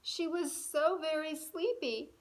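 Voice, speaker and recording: Poor audio captures a woman reading to young children in a high-pitched voice; she is lively and deliberate and pauses to ask her listeners questions.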